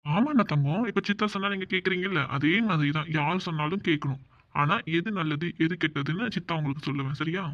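A woman voicing an easygoing young husband who teases and gently coaxes a child in a cartoon. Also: deep voice, fast, slight background noise, lightly acted. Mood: gentle. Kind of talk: cartoon voice acting. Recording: dull lo-fi recording.

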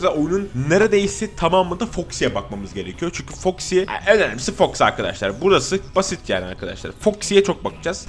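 A man giving casual, jokey horror gameplay commentary as a streamer. He gets excitable, swears often and talks straight to his viewers. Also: a little high. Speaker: gaming streamer.

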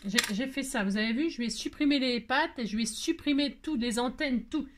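Chatty French-speaking woman, fairly high voice. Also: noisy background. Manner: chatty and rambling, with many asides to viewers; hurried, self-mocking. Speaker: craft tutorial host. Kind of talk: casual crafting tutorial talk.

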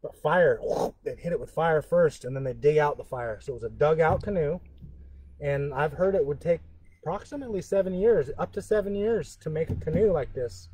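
A man from Northern California giving a live-streamed educational talk as a cultural educator. He speaks in an earnest, halting way, with frequent pauses and restarts. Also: fairly high pitch, darkish tone, husky, rough recording.

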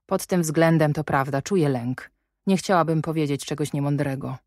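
A woman reading the lines of a reserved, earnest eighteen-year-old governess in an audiobook, quiet and earnest. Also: low-pitched, moderate pace, dry recording, studio quality, close to an everyday voice.

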